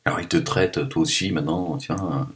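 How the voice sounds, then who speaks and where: A man with a Parisian accent talks straight to the camera from home in a loose, rambling vlog. His voice sits fairly low, and he keeps breaking off into joking, teasing asides. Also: brisk. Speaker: vlogger. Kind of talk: casual vlog monologue. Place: home, cold room.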